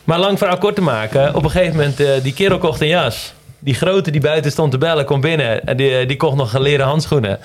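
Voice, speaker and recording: Laid-back shop owner. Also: male voice, fairly high pitch, fast, few pauses. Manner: relaxed, hesitant storytelling with fillers. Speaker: menswear shop owner, podcast guest. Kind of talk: casual storytelling chat.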